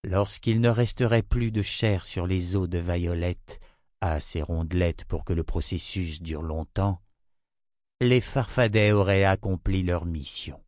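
A man narrating a fantasy children's audiobook in a steady storytelling manner. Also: low voice, unhurried, no echo, studio quality. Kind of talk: scripted narration.

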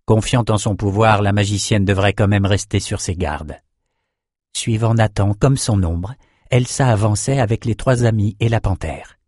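Low-voiced male audiobook narrator. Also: darkish tone, no room sound, studio quality. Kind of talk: scripted narration.

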